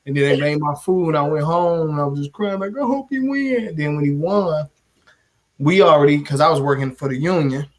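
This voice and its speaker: St guy, organizer, cussing and animated, kinda higher voice. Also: fairly quick. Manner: animated, swearing storyteller. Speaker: community organizer. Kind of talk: casual chat.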